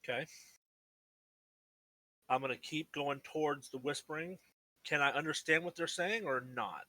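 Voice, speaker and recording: Bright-voiced man arguing at a game table. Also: a little high, moderate pace. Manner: argumentative, questioning the rules. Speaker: player. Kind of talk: casual play at a tabletop game.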